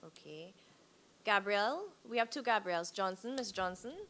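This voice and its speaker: A woman's voice: mid-range voice, lively intonation, moderate pace, sharp tone, slight background noise. A woman moderating a meeting and calling on participants in an informal way. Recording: faint room ambience.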